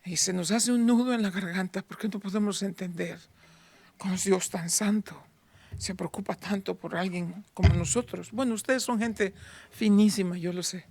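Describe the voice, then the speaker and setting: A man in his fifties preaching a sermon in church, moving between fervent raised passages and hushed near-whispers. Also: high-pitched, fairly even intonation, normal speed, gravelly. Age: 50s. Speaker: pastor.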